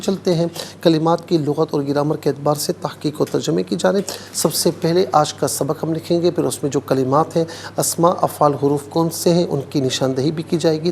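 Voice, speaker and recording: Gravelly-voiced man teaching Quran recitation. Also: fairly high pitch, a little mellow, slight background noise. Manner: explains word by word, then recites slowly in drawn-out chant. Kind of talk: televised Quran recitation lesson. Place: TV studio.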